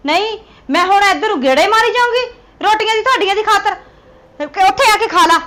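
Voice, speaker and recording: A woman playing a shrill, sharp daughter-in-law. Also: brisk. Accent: Punjabi. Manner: scolding, dismissive. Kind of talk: family drama acting.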